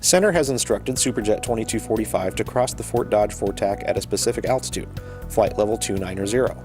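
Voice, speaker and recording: A man with a fairly low voice reads scripted educational narration, explaining in a measured, orderly way. Music plays clearly behind him.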